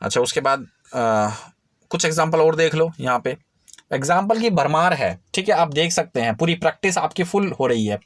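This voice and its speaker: A man's voice: a little high, animated, moderate pace, no echo, studio quality. A man teaching a grammar lesson, explaining patiently and often checking that the viewer follows.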